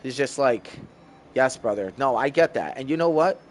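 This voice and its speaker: A man in his thirties streams a game and chats loosely with viewers, calling them bro and swearing freely. His voice is medium in pitch with lively intonation and a moderate pace, and there's a slight hiss or hum.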